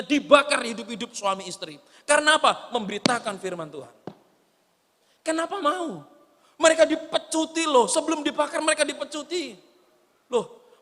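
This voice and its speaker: High bright-voiced Indonesian pastor preaching. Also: male voice. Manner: animated, swings from loud exclamations to soft low asides. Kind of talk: sermon. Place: church hall. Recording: church hall reverb.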